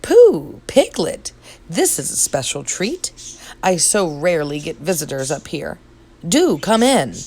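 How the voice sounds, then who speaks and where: A woman's voice: sits low, very animated, measured pace, darkish tone, exaggerated voice. A woman voicing a polite, sociable male owl in a storybook, genteel and effusive in manner. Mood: effusive, encouraging. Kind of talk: storybook read-aloud.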